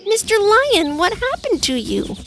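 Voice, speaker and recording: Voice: extremely high pitch, huge pitch swings, a little slow, fairly bright tone, soft background music, heavily acted. A voice actor playing a small, timid male mouse who talks hesitantly in a children's storybook. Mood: gentle. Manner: hesitant, stammering politeness.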